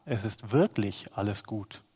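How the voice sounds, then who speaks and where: A deep, calm voice of a loving king speaking gently to a frightened child, as a man reads him out in a storybook passage. He sounds quiet and reassuring, unhurried and warm in his comfort. A long reverb trails each phrase. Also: breathy edge. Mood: calm, tender. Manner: soft, reassuring.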